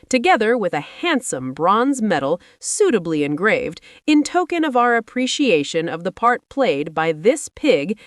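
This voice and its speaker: A woman voicing a pompous, grandiose fairground loudspeaker announcer in a storybook, with declamatory delivery. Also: mid-range voice, dry recording, clean studio sound. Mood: ceremonial. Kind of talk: storybook character reading.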